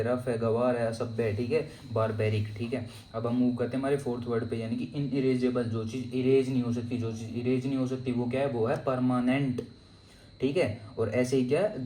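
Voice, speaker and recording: A man's voice: medium pitch, warm tone, reverberant, slight background noise, low-quality recording. A man teaching vocabulary for exams in a casual, chatty way. He keeps saying "okay" and builds jokey memory tricks for each word. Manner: chatty, repeats "theek hai" often, jokey memory tricks. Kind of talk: casual exam-prep lesson.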